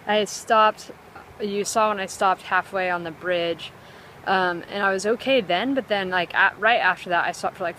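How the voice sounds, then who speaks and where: A woman chatting casually to her vlog viewers outdoors by a river, upbeat and excitable, with lots of "like" and "um" fillers. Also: fairly low pitch, slight background noise, poor audio. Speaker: vlogger.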